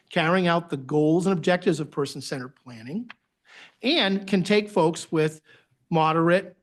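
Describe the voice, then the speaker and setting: An agency director with a Boston accent presents to a board at a public meeting. His voice sits high, and he speaks conversationally, letting the ends of his phrases trail off.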